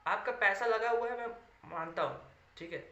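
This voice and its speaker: A man's voice: sits high, lively intonation, moderate pace, bright, forceful tone. A man giving a casual motivational talk to fellow network-marketing members, filling nearly every sentence with "okay" and repeating his points for emphasis. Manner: mixes English words into Hindi speech. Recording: echoey room, dull lo-fi sound.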